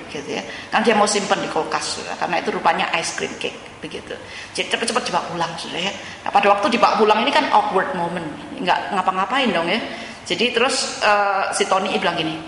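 A pastor tells a story from the pulpit, turning to the congregation again and again. The voice is bright and forceful. It rings through a roomy church hall with a long reverb. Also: mid-range voice, a little hiss or hum. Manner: addresses the congregation again and again, mixes in English words. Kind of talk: sermon storytelling.

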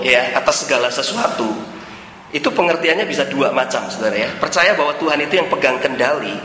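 A male preacher giving an animated sermon, often addressing the congregation and dropping English phrases into his talk. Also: fairly high pitch, a little hiss or hum. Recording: roomy hall with long reverb and faint ambience.

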